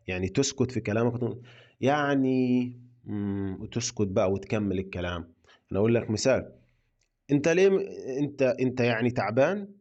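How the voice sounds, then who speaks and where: Egyptian male tutor, mid-pitched, slow repeated examples, slightly muffled recording. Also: darkish tone. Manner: repeats example sentences slowly for learners. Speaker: Egyptian Arabic teacher. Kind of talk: slow, repetitive language lesson.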